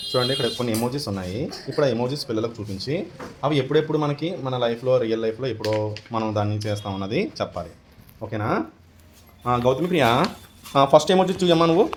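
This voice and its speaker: A male schoolteacher in a classroom, quizzing a young pupil and praising the answers warmly. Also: medium pitch, a little hiss or hum. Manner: warmly encouraging, praises often; questioning, prompting a child. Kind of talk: classroom oral assessment.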